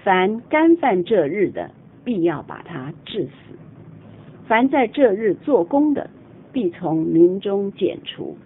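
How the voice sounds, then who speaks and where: Slow, solemn woman reading scripture. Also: sing-song, husky. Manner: measured, solemn recitation. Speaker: scripture reader. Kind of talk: slow Bible reading aloud. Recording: tinny phone-like audio with faint rumble.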